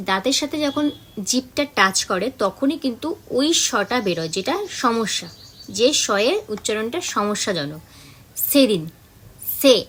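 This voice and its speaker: A woman's voice: medium pitch, fairly bright tone, a little hiss or hum. Woman coaching pronunciation. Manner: demonstrates sounds by repeating example words. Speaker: acting coach. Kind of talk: pronunciation lesson.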